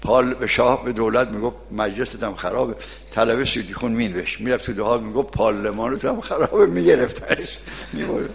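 Brief: older male cleric, gravelly, mid-pitched, folksy lecturing tone. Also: hardly any pauses. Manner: folksy, lively storytelling, frequent "yes". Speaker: cleric teaching religious law. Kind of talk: religious law lesson with anecdotes.

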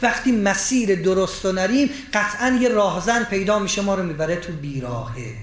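A man preaching a sermon, moving between loud emphatic rises and hushed, quiet storytelling. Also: sits high. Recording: echoey room with faint ambience.

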